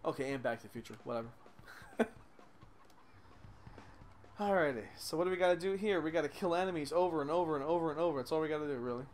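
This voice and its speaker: A man's voice: a little high, fast talker, pauses often, a little hiss or hum. A man hosting a let's play, swearing constantly and ranting sarcastically, rambling with restarts and asides as he plays. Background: game music.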